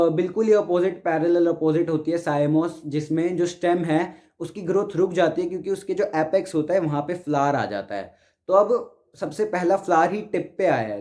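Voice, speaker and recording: A man's voice: a little high, dark tone. A young man from India with an Indian accent, a biology teacher giving an exam-prep lecture. He reads textbook lines aloud and then explains them again step by step. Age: young adult.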